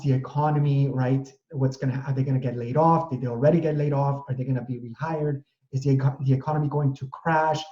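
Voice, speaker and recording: A middle-aged man, a real estate broker acting as interview host, talks in long, rambling sentences packed with restarts and fillers during a casual conversational interview. His voice is mid-range with a dark tone. The room is echoey and the audio dull.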